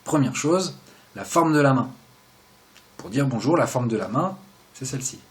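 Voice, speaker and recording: A young man talks through a relaxed video lesson in a chatty, joking way. His voice sits at an ordinary middle pitch, and he often trails off into quiet asides between explanations. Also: normal speed. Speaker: video host teaching sign basics.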